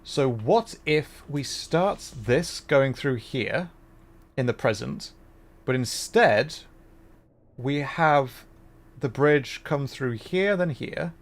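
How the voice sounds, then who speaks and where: Working through puzzles on a livestream, this man talks slowly in a mid-range, animated voice. His commentary is casual and mostly muttered to himself as he thinks aloud about the game.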